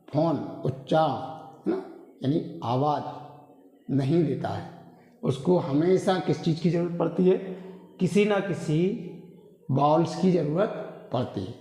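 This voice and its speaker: A man's voice: a little high, dark tone. Man teaching with a roomy hall echo. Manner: repetitive, drilling, frequent tag questions. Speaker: English pronunciation teacher. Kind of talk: classroom-style lesson.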